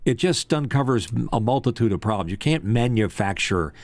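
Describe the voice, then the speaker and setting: A man with a deep voice and strong upper mids co-hosts a laid-back show about radio technology, rambling and poking fun at himself. His delivery is animated and fairly quick, recorded with no room sound.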